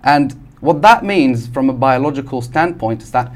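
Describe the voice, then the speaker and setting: A man's voice: mid-range voice, lively intonation, moderate pace. A man from Algeria, a podcast guest, explaining ideas in casual conversation with many fillers and restarts.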